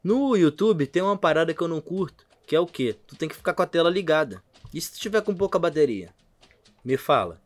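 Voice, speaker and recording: A man's voice: fairly high pitch, animated, brisk. A man with a Rio de Janeiro accent co-hosting a casual home podcast, slangy, teasing and swearing a lot. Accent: Rio de Janeiro Portuguese. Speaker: podcast co-host. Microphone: home podcast mic.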